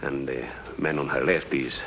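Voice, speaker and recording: An actor playing a formal, anxious government second-in-command in a 1950s radio drama. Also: male voice, extremely low pitch, steady tone, normal speed, a bit bright, a little hiss or hum, low-quality recording. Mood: worried. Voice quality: formal, stiff.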